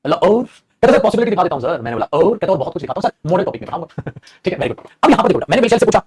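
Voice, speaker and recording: Man, Indian accent, English grammar teacher, rapid-fire delivery, acts out playful dialogues. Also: sits high, very animated, noisy background. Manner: calls listeners "beta". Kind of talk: classroom grammar lesson mixing Hindi and English.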